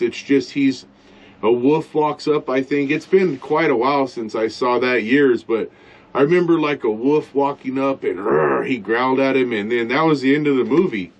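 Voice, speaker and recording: Man, casual rambling vlogger, blunt opinions, mid pitch, muffled lo-fi sound. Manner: rambling, blunt, eating while talking. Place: inside a truck at a campsite.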